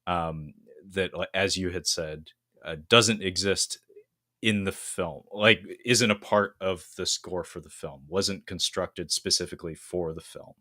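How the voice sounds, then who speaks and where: A man's voice: low-pitched, steady tone, measured pace, sharp tone, no echo, clean studio sound. A man congested with a cold, his voice phlegmy and rattly, hosting a podcast in casual, wordy, self-deprecating chat. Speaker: podcast host.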